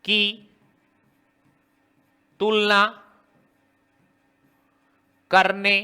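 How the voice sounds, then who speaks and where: A man's voice: high voice, monotone, extremely slow, bright, forceful tone, clean tone, soft background music. A man teaching a maths lesson, working through a problem step by step and asking his students question after question. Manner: explains step by step, often quizzing students with rhetorical questions.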